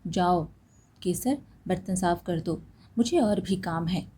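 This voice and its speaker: A woman's voice: fairly low pitch, slow pace, warm tone, slight background noise. A woman voicing a scheming, jealous elder sister-in-law who speaks in a sneering, taunting way.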